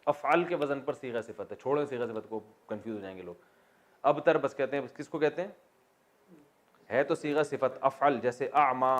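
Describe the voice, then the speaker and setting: Man teaching a class, quizzing students. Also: medium pitch. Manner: explains step by step, asks the class questions and answers them himself. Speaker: religious teacher. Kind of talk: classroom lecture on Quran vocabulary and grammar.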